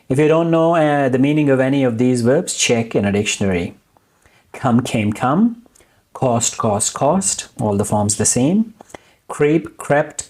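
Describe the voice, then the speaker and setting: A man's voice: mid-range voice, darkish tone. A man teaching a lesson, reading verb lists and repeating the forms, with rising stress on the last word of each set. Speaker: English teacher. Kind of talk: slow vocabulary lesson.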